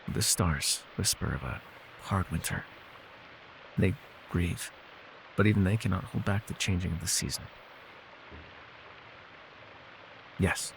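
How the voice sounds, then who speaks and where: Acted by a man, this ancient, weary yet gentle elf healer has a low, gravelly voice and murmurs in measured, formal, old-fashioned phrases with a wry, teasing edge. It's an intimate fantasy ASMR roleplay, soothing yet solemn and wistful, over faint background ambience. The recording is rough with slight background noise.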